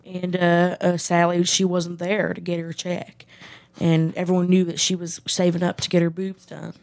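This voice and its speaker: A woman's voice: lowish voice, monotone, normal speed, a little mellow, lightly acted. A woman playing a ditzy young Texan lifeguard in an improvised comedy interview, rambling and giggling as she talks. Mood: gossiping. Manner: giggly, rambling, laughs often mid-sentence. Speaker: improv character being interviewed.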